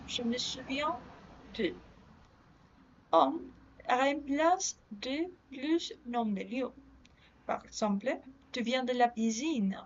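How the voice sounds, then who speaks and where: A woman's voice: sits high, muffled recording, slight background noise. A woman reading French grammar drills, giving each example sentence and then its answer.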